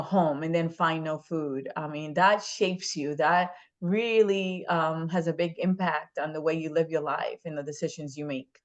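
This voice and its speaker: A woman from the Dominican Republic speaks as an interview guest in a fairly low voice. She talks earnestly and with emphasis and often checks in with "right?". The sound is dull and lo-fi. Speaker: guest, state legislator.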